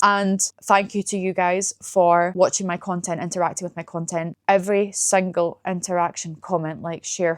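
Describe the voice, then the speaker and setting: A woman's voice: on the low side, smooth, no echo. Young woman, gushing, enthusiastic, casual review vlog, dorm room, dry close sound. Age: young adult. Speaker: fitness content creator.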